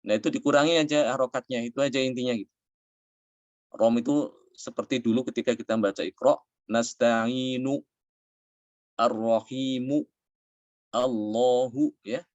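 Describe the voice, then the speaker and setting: A man teaching the rules of Quran recitation, explaining patiently and slowing down to demonstrate words. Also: mid-range voice, no echo, dull audio. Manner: explains patiently, often adding "ya". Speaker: tajwid teacher.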